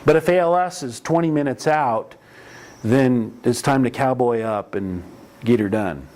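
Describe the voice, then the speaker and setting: A man's voice: medium pitch, measured pace, darkish tone. A middle-aged man teaching an emergency medical class in a classroom, talking casually and mixing in stories from calls. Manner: conversational, anecdotal, with frequent restarts. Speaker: EMS instructor. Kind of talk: classroom lecture. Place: training classroom.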